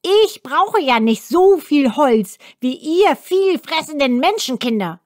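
A woman voicing a rude, impatient ancient male dwarf in a children's storybook reading, yelling and scolding. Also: sing-song, no room sound, studio quality, heavily acted. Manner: shrill yelling, scolding, rushed.

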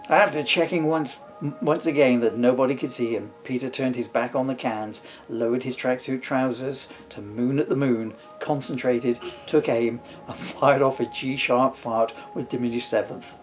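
At a moderate pace with few pauses and a steady tone, a medium-pitched man in his fifties reads his own comic storybook aloud, playful and full of wry asides. He's on his living room sofa at home. Soft background music plays, and a camera a short distance away records him.

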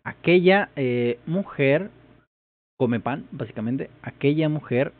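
Speaking slowly and expressively in a medium-pitched voice, a man records a vlog of his first go at learning a new language. His casual think-aloud commentary is hesitant, with phrases repeated as he figures them out, and the audio has a thin, phone-like quality.

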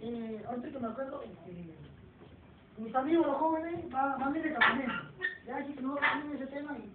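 A woman's voice: sits high, a little fast, close to an everyday voice. A young woman in an amateur church play, acting a rebellious teenage son who talks back and makes demands. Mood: defiant. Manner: defiant, demanding. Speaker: church youth actor. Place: church hall. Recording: distant, echoey, tinny, noisy.

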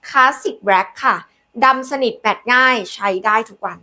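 A woman hosting a live sales pitch, demonstrating products in a chatty, coaxing way with polite endearments to customers. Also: brisk, sharp tone. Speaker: live-selling host presenting handbags.

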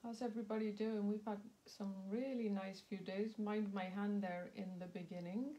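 Seated at an indoor craft table, this woman runs a laid-back live craft demonstration, talking slowly, saying um a lot and welcoming viewers by name. Her mid-range voice is warm with fairly even intonation, slightly sore-throated, and the recording's highs are cut off.

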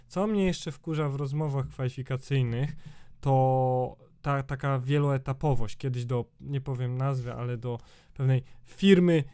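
A YouTuber in his twenties rants casually in a vlog, rambling with lots of fillers and swearing, his voice slightly changed by a sore throat. It's medium-pitched, dark, and clean in tone.

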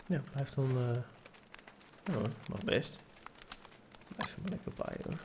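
Speaking a little slowly, a man with a medium-pitched, expressive voice gives casual let's-play commentary on his survival game. He curses and coaxes an in-game pig with a playful sing-song tone while streaming. His home recording setup is noisy.

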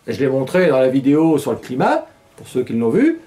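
In a small green-screen studio, a middle-aged satirical news host mocks his subjects in a brisk, mid-range voice. He's sarcastic and laughs a lot between jokes, keeping things casual and gesturing animatedly.

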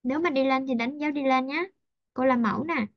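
A woman teaching English intonation to a class over a video call, patiently repeating example sentences slowly. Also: high voice, no echo, dull audio.

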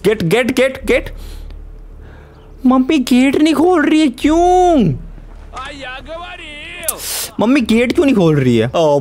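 A young man giving playful let's-play commentary, pleading jokingly with the game characters. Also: sits high. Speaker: gaming YouTuber.

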